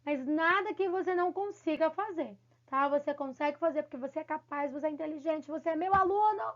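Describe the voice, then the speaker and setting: Woman teacher, high voice, warmly encouraging pupils in an online lesson; muffled lo-fi sound. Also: fairly quick. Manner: encouraging, affectionate, repeats "tá bom?". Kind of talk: recorded online lesson for children.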